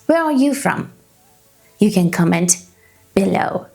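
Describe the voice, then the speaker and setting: Woman in her 30s, ESL teacher, slow and clear, sing-song pitch, bit of vocal fry. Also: expressive, darkish tone, soft background music. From Canada. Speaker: English teacher. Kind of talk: slow beginner English lesson. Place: small room indoors.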